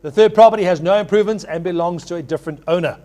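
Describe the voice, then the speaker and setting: A man's voice: high voice, mellow. A man working as an auctioneer, calling a live property auction with courteous address and repeated figures. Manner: repeats figures in rapid chant when taking bids.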